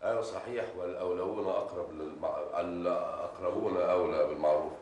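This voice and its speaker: An actor playing a sanctimonious husband who moralizes with pious sayings, in an Egyptian accent. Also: male voice, low voice, steady tone, a little fast, a little mellow, close to an everyday voice. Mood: preachy. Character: self-righteous, preachy husband quoting pious sayings. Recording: echoey, distant, music behind.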